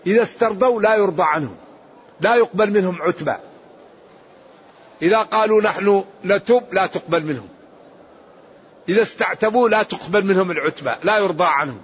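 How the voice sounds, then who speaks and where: A man's voice: high-pitched, animated, fast. A man giving a Quran commentary lesson as a religious scholar, emphatic and rising sharply when he recites verses. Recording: dull lo-fi recording with faint hiss.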